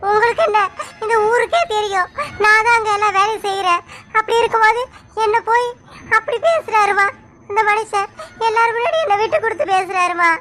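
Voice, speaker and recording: A stubborn young daughter-in-law in a family drama, complaining indignantly about how she is treated, played by a woman. Her voice is very high and bright. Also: brisk, slight background noise. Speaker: actor. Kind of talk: Tamil family drama acting.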